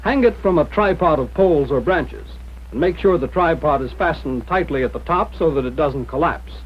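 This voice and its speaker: An American man reading scripted instructions in the formal, measured manner of a 1940s military training film narrator. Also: fairly high pitch, lively intonation, slight background noise. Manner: mid-century newsreel-style narrator, formal, measured instruction. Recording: dull, lo-fi 1940s film soundtrack.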